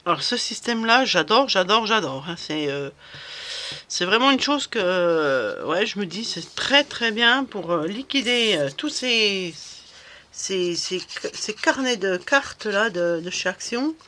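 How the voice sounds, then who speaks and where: A woman's voice: medium pitch, lively intonation, a little slow, sharp tone. A woman vlogger chatting casually while she crafts at home, rambling and hesitant, full of fillers and restarts.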